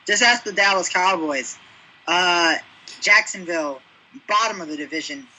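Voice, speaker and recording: A young man co-hosting a casual sports podcast, chatty and quick with jokes and side remarks. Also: sits high, pushed and bright, rough recording. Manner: chatty, jokey interjections. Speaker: podcast co-host.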